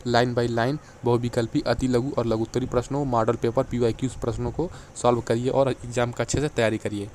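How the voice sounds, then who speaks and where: A man teaching an exam-prep lecture at a quick pace, often checking in with "theek hai" and reciting lists of letters. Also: medium pitch, flat delivery, a little mellow, slight background noise. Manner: brisk, repeats "ठीक है" and "देखिए", recites letter lists.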